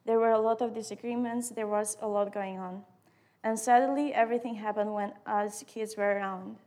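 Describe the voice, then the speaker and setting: A woman's voice: mid-range voice, fairly even intonation, normal speed, darkish tone. A woman in her early twenties with an Albanian accent, a non-native English speaker reading her personal testimony aloud. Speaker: student sharing testimony.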